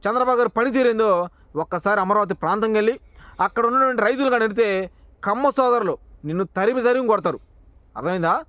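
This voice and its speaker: Fast, high-pitched ranting man. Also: a bit bright, no room sound. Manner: confrontational, addresses the target directly with rhetorical questions. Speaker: political commentator, channel owner. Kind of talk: heated political monologue.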